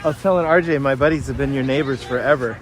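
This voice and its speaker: A man chats casually and quickly in a mid-range voice while watching a soccer game. He's outdoors beside the field, and the recording picks up crowd noise, traffic, and other urban sounds.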